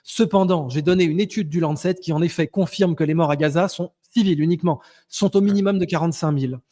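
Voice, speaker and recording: Insistent high-voiced man, talking fast. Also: dark tone. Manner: insistent, repeats phrases, cuts in. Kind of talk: heated televised debate.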